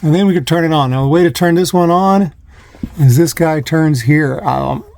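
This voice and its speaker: A vlogger shows a DIY installation inside and around a parked van, narrating informally, rambling and repeating himself. His voice is on the high side, creaky and a little mellow, at normal speed, in a noisy handheld recording with clicks.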